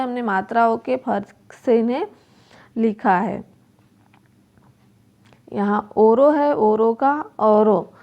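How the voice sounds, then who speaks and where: Slow, gravelly-voiced woman teaching a lesson. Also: a little high, darkish tone. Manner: slow, repeats words and asks questions to the pupils. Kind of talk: workbook lesson explanation.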